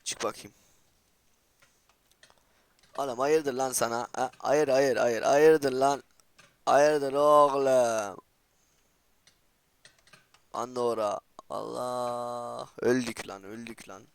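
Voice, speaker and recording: A man giving excitable gameplay commentary as a channel host, trash-talking and swearing, repeating words in rapid bursts. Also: mid-range voice, gravelly, clear, resonant tone, no echo.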